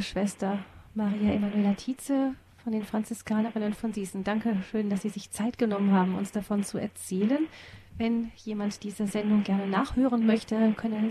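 Woman, radio interview host, formal courteous delivery, warm mellow voice. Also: medium pitch, slight background noise.

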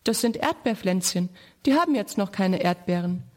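A woman reading the part of a kind grandfather, calmly explaining in a storybook reading. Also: medium pitch, moderate pace, close to an everyday voice.

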